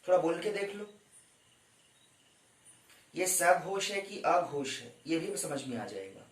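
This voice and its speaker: A man's voice: a little high, very animated, slow, echoey room, recorded from a distance. A man teaching an exam-prep grammar lecture, addressing his students respectfully as he explains step by step. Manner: addresses students as "sarkar", counts down for screenshots.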